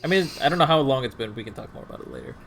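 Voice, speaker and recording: A man hosting a fighting game stream, chatting casually and teasing his co-host in a relaxed way. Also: medium pitch, racing, gravelly, faint music behind. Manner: relaxed, teasing, laughs easily.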